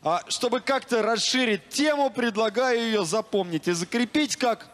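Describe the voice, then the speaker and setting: A young man hosting a TV comedy show on a studio stage with a handheld mic, bantering quickly and ironically. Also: extremely high pitch, a bit bright. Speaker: host. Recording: studio crowd behind.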